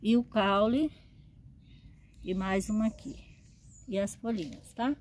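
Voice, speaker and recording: A woman's voice: medium pitch, takes it slowly, a little mellow. A woman, a succulent grower and seller, chatting fondly in a show-and-tell vlog and often checking in with her viewers.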